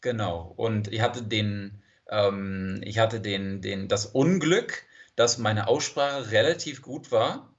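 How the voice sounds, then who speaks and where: An American English-speaking language teacher, a man, answers questions as a guest in a casual interview, using lots of fillers and restarts. His voice is fairly low and slow, with hardly any pauses. The recording sounds dull and lo-fi.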